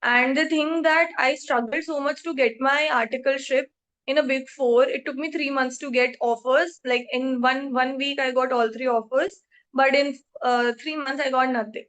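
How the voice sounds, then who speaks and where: A woman's voice: sits high, steady tone, normal speed, fairly bright tone. A woman in her twenties with an Indian accent, answering interview questions about her career in an articulate, self-assured way. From Jaipur, India. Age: 20s. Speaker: podcast guest, accountancy trainee.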